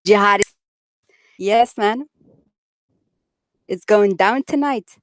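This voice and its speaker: Recorded dry, a young Dutch woman with a mid-range voice draws out her words as she talks to her live-stream audience and reads their comments aloud. She comes from the Netherlands, has a Dutch accent, and is blunt and outspoken, telling it like it is.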